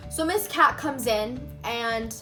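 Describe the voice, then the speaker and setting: A woman's voice: on the high side, slow pace, pushed and bright, faint music behind. Chatty young woman telling a story. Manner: chatty, filler-heavy retelling with many "like"s. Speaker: YouTuber telling a personal story. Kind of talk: casual storytime vlog. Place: room at home lit by fading daylight.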